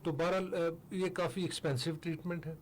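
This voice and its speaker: An older man from Pakistan, a foundation head speaking as a guest in a radio studio interview, explaining steadily with pauses and fillers. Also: high voice, steady tone, slight background noise.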